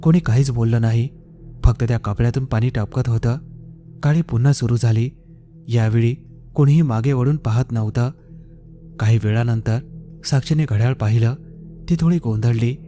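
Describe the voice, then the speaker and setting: Dark-voiced male horror storyteller. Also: medium pitch. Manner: slow, suspenseful reading. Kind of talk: scripted horror narration. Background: faint music.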